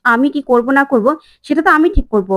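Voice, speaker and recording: A woman's voice: high-pitched, a little fast, fairly bright tone, no room sound, clean studio sound. Titli, a woman voicing a scheming jealous younger sister. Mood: sulky.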